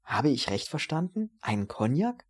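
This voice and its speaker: A man's voice: fairly high pitch, big pitch swings, normal speed, slightly rough, pitched above the performer's own voice. Man reading a polite hard-of-hearing old waiter, formal, deferential, audiobook.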